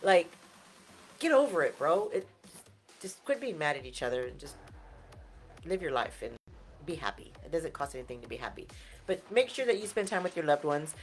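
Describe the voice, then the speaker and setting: A woman's voice: sits low, big pitch swings, normal speed, long pauses, faint music behind. A woman co-hosting a casual live stream, blunt, playful and teasing. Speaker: co-host, nutrition shop owner.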